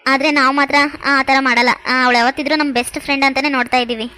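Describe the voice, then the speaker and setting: A woman's voice: high-pitched, little pitch movement, fast, sharp tone. A woman voicing a friendly young wife in a cartoon who explains things at length in a chatty way. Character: friendly young wife, warm-hearted sister-in-law. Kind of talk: cartoon voice acting.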